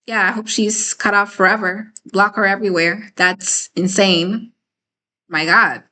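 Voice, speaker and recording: Bright-voiced woman hosting a live chat. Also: mid-range voice, fairly even intonation, measured pace. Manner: conversational, emphatic, frequent "okay?" and "right?" check-ins. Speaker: host of a live discussion. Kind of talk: casual live-stream talk reading viewer comments.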